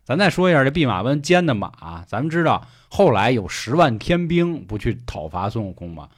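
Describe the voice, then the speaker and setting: A man's voice: mid-range voice, sing-song, a little fast. A man co-hosting a casual talk show, retelling a classic tale in a joking, colloquial way. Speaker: podcast co-host. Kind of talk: casual storytelling chat.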